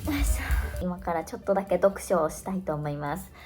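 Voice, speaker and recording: A woman's voice: on the low side, brisk, darkish tone. Woman, 20s, teacher vlogging her day; chatty, thinks aloud; faint music bed. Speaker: online Japanese teacher. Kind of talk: casual vlog narration.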